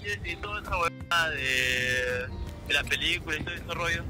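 A man's voice: a little high, brisk, music in the background, rough recording. A young man outdoors in a park, speaking into a handheld mic, incredulous and defensive as he argues with his girlfriend. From Peru. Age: young adult. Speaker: prank target boyfriend. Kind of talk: street prank conversation.

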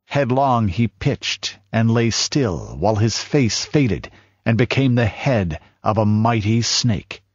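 A man reading a dark fantasy tale as audiobook narrator, measured and dramatic, rising as the battle scenes build. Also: on the low side, lively intonation, slightly rough, dry recording. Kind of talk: scripted narration. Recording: dull lo-fi audiobook recording.

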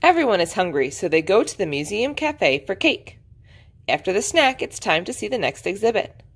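A woman preschool teacher reading a picture book aloud to young children in an expressive, sing-song way. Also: mid-range voice, normal speed, breathy edge. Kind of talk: storybook read-aloud.

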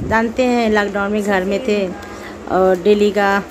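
A woman's voice: medium pitch, fairly even intonation, a little slow, darkish tone, slight background noise. A woman in her thirties chatting to viewers in a casual family vlog, filmed on a phone at home. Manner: chatty, addresses viewers directly, laughs often. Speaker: vlogger. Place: home, indoors.

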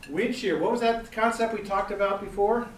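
A man's voice: high-pitched, moderate pace. A middle-aged man teaching a seminar, quizzing the audience and repeating key points with emphasis. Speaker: gliding safety instructor. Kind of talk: interactive seminar lecture. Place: seminar room. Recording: echoey room, distant mic, faint background noise.

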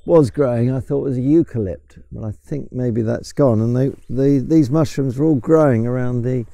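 Here an older man from England, working as a mushroom forager guide, explains wild plants and fungi in a relaxed way on a woodland walk, occasionally stumbling and starting over. His medium-pitched voice is gravelly and dark, with a moderate pace, captured in a dry recording.

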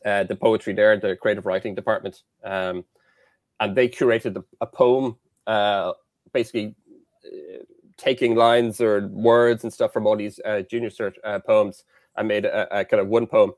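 Speaking through a headset on a video call, an Irish satellite engineer with a low, slightly mellow voice chats casually as an interview guest. The sound is dry with no room tone, and his steady, moderately paced speech is hesitant, with frequent fillers and false starts.

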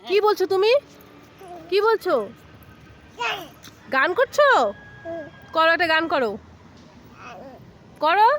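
A woman from with a sore, hoarse throat, vlogging casually to her viewers and coaxing children with repeated calls. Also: very high-pitched, animated, slow pace, pauses often, a bit bright. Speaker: family vlogger. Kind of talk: casual vlog narration to viewers.

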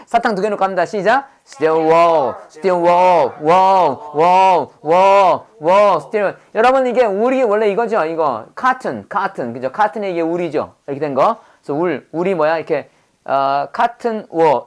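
Woman English teacher, lively classroom drill voice, has learners repeat after her. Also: fairly low pitch, moderate pace. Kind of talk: English vocabulary lesson.

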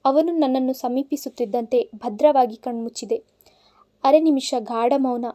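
A woman narrating a first-person love story in a soft, emotional way. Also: sits high, normal speed.

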